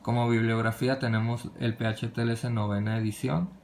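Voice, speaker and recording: Halting man with a gravelly voice. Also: mid-range voice, level tone, darkish tone, slight background noise. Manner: halting, with frequent restarts and cut-off words. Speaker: presenter of a medical lesson. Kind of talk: reading a slide lecture.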